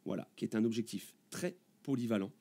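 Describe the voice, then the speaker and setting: A man's voice: lowish voice, lively intonation, a little fast, warm tone. A man, a YouTuber, talking casually to camera about a camera from his home music studio, chatty and full of fillers and restarts.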